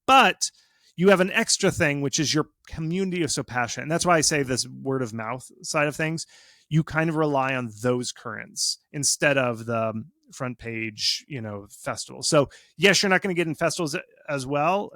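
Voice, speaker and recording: A fairly high-pitched man talks at normal speed in a dry, studio-quality recording. As a guest expert on game marketing, he is animated and emphatic, giving informal, conversational advice and often performing imagined reactions and quotes.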